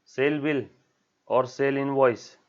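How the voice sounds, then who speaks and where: A man's voice: mid-range voice, fairly even intonation, slow. A man teaching an accounting lesson, asking his students questions, repeating key words and acting out little dialogues. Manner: acts out dialogues in a raised voice, asks students questions; code-mixes English terms, repeats key words. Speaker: commerce teacher. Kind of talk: classroom lecture. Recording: dull lo-fi sound.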